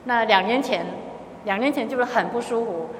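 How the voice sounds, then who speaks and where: A woman's voice: a little high, moderate pace, echoey room, big-room sound, slight background noise. A middle-aged woman with a Taiwanese accent, a lay Buddhist speaker telling a gathering about her experiences and slipping into Hokkien phrases. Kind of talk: testimony talk to a gathering.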